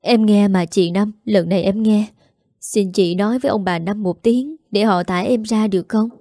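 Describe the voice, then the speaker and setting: A woman's voice: medium pitch, moderate pace, dark tone, dry recording, studio quality, close to an everyday voice. A woman voicing a desperate jailed young mother, begging tearfully. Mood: pleading.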